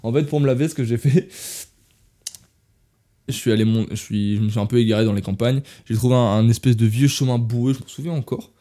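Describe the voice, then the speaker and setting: At a normal speed and in a warm, mid-range voice, a young man from France tells travel stories on an easygoing podcast. His talk wanders, full of restarts and self-corrections, and he speaks straight to his audience, whom he calls "les gars."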